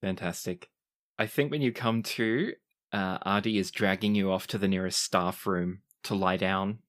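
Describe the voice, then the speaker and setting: Narration for a tabletop RPG comes from a game master who speaks low and keeps the intonation fairly even. The phrasing is descriptive and dramatic, delivered with purposeful timing.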